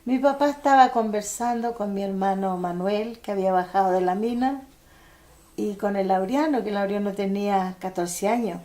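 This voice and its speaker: Older Chilean woman giving halting testimony. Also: mid-range voice, dark tone. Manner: halting, with frequent restarts. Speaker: interviewee. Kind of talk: personal testimony for a documentary.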